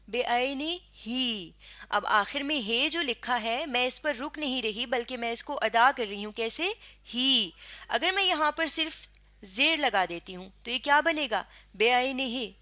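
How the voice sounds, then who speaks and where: A woman with a Pakistani Urdu accent teaching a lesson, patiently spelling out sounds and repeating words slowly. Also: sits high, sharp tone. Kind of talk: classroom lesson explaining pronunciation.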